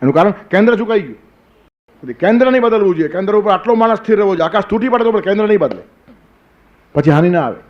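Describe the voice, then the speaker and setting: An older man, a spiritual teacher, gives a Gita discourse sermon full of stories, rhetorical questions and quoted verses. His high-pitched voice is expressive and rapid-fire, and the sound is lo-fi.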